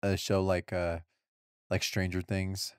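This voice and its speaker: A man's voice: low-pitched, monotone, slow pace, clean tone, dry recording, clean studio sound. A young adult man co-hosting a podcast, teasing and joking in casual chat. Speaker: podcast co-host.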